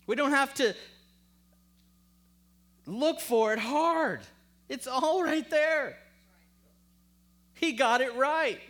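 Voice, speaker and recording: Very slow and pausing often, a pastor delivers an emphatic, rhetorical sermon, calling out to the congregation before lowering his voice to a hush for the scripture reading.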